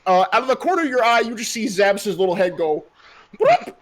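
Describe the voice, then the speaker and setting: Young male game master, rambling and casual, voice on the high side. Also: quick pace, fairly bright tone. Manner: rambling, loose, filler-heavy. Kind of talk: narrating a tabletop game.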